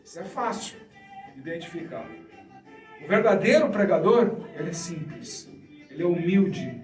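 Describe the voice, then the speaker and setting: A man's voice: sits high, expressive, normal speed, faint music behind. A man with a Brazilian Portuguese accent teaching a sermon, asking questions and answering them himself. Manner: didactic, asks and answers own questions. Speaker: preacher. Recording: echoey room, mic at a distance.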